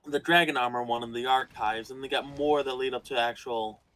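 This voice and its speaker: A man chatting casually while playing a video game with a friend, rambling and animated, with lots of fillers. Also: mid-range voice, brisk, poor audio. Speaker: gaming co-host.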